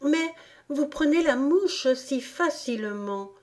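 Alice, a woman doing a high, eager little girl. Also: lively intonation, takes it slowly, darkish tone. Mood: pleading. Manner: eager, pleading, higher than her narration. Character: young girl Alice, polite and dreamy.

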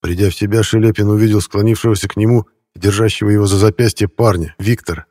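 A man narrating a novel in a steady, measured storytelling manner. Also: lowish voice, no echo, clean studio sound. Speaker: audiobook reader. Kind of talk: scripted narration.

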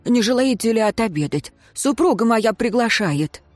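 A simple, devoted town warden from a storybook, earnest and eager to please, played by a man reading. His pleading voice rises higher than the reader's own. It sits close and dry. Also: lively intonation, normal speed, no room sound, faint music behind.

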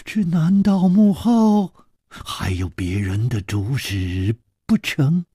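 A man's voice: medium pitch, very animated, slow, mellow, breathy edge, dry recording, studio quality, exaggerated voice. A man doing a fretful young swordsman. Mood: worried. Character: earnest young male swordsman, frowning worrier.

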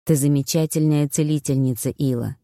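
Woman lowering her voice for a weary young nobleman. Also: steady tone, a little fast, dark tone, no echo, clean studio sound, close to an everyday voice. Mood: weary, subdued. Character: injured young nobleman, gentle weary brother.

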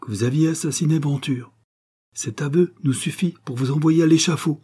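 A man voicing a calm, stern doctor who speaks with assurance. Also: mid-range voice, fast talker, husky, close to an everyday voice. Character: stern, confident male doctor.

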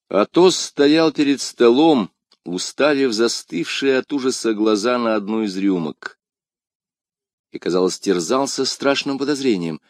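A man reading a historical adventure novel aloud in expressive, dramatic narration. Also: mid-range voice, no room sound, studio quality. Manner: expressive, vivid. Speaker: audiobook narrator.

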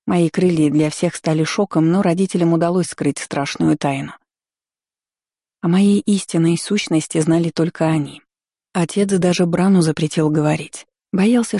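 A woman narrating a fantasy novel in the first person, with a gravelly texture in a dark, mellow voice. Her reading is measured and even. The recording is dry and close, with no room sound. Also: sits low, no echo. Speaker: audiobook narrator.

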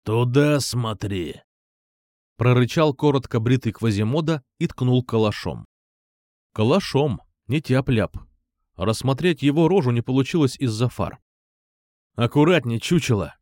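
Man, audiobook narrator, dramatic tense delivery, lively pitch, dry close sound. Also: moderate pace, no echo. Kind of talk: first-person audiobook narration.

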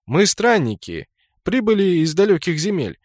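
A cautious herald in a fantasy audiobook, speaking in a measured, careful way as the male reader voices him. He sounds much like the reader himself. The reading is dry and close. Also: high voice, big pitch swings, a little mellow, no echo, pitched above the performer's own voice.

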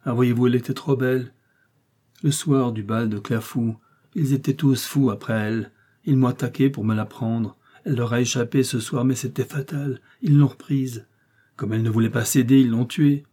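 Audiobook: male reader voicing a brawny heartbroken street tough, dark husky tone, exclamatory. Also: medium pitch, steady tone, moderate pace, natural voice. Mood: grieving. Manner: emotional, pleading, exclamatory. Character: huge lovesick Parisian tough guy, grieving.

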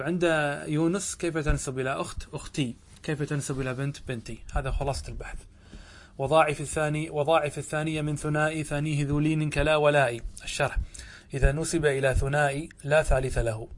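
Man, grammar teacher, lecture style, slightly high voice, asks and answers his own questions, repeats key words. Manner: explains step by step, poses questions and answers them. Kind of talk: classroom lecture.

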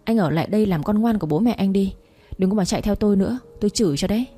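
A woman's voice: medium pitch, very fast, husky, lightly acted. A woman voicing a poor young divorced woman who speaks sharply and coldly to push her lover away. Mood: cold, scornful. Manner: sharp and scornful when lashing out.

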